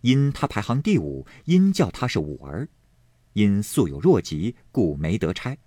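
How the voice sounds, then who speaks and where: A man reads an old classic aloud in a low, husky voice. His pitch swings widely as he dramatizes each scene. The sound is dry and close. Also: a little slow, no room sound. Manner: expressive, dramatic reading. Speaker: narrator. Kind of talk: storytelling reading of a classic novel.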